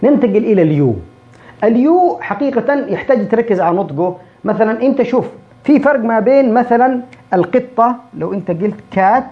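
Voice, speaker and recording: Male language teacher, brisk explainer, slows down to spell out sounds, muffled lo-fi recording. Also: high-pitched. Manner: repeats example words slowly to demonstrate sounds. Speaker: English teacher. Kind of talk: explaining a pronunciation lesson. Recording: dull lo-fi recording.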